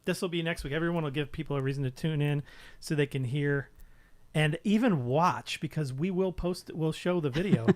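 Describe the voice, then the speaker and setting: A man's voice: on the high side, normal speed. A man co-hosting a casual live podcast, joking and rambling while he gets sidetracked. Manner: joking, easily distracted, rambling. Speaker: co-host.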